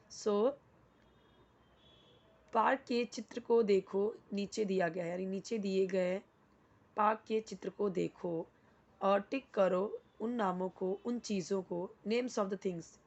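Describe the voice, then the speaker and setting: A woman's voice: mid-range voice, a little mellow, muffled recording. A woman teaching English vocabulary. She explains each word patiently, repeats it with its meaning, and asks and answers her own questions. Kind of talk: explaining English words in Hindi.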